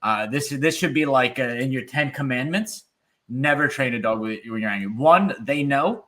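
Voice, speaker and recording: A man's voice: mid-range voice, moderate pace, bright, forceful tone. A man hosting a podcast interview, giving earnest, emphatic advice to listeners in a casual way. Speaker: podcast host.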